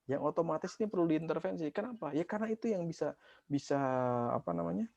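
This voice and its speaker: Male psychologist, webinar speaker, gravelly, conversational with fillers, dull dry call sound. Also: fairly high pitch, fast talker, a little mellow, dry recording. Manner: conversational, rhetorical questions, many fillers. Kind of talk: webinar explanation.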